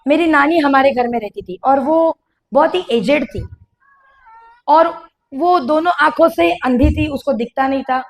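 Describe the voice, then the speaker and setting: Woman preacher, high voice, candid confessional testimony, talks straight to the congregation. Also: poor audio. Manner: candid, confessional, addresses the audience directly. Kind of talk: testimony sermon.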